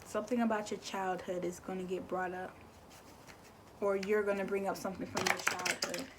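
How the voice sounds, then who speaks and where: A woman's voice: medium pitch, level tone, moderate pace, noisy background. A young woman giving a casual spiritual card reading, chatty, repeating words and swearing offhandedly. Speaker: tarot and oracle card reader.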